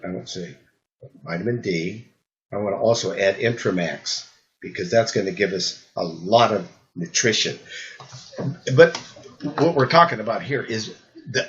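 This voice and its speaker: An older man with a rambling, halting delivery who repeats words as he talks through supplements, recorded as old camcorder audio. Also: mid-range voice, a bit bright, highs cut off. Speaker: health supplement presenter. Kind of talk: rambling spoken talk.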